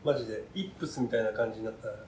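A man's voice: medium pitch, racing, a crowd in the background, rough recording. A man co-hosting a casual podcast chat, tossing out teasing, blunt asides.

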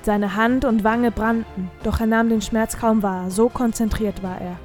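A woman reading a fantasy audiobook in steady, scripted narration. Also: a little high, unhurried, soft background music.

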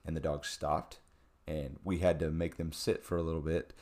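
A young man telling a travel story in casual chat, animated, with many fillers and restarts. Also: very deep voice, moderate pace.

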